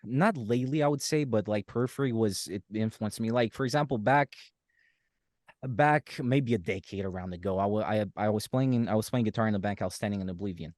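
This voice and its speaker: This podcast guest, a musician from Romania, keeps the chat relaxed and lively, performing the quotes in his anecdotes. He sounds on the low side and talks briskly. It's a clean studio recording without echo.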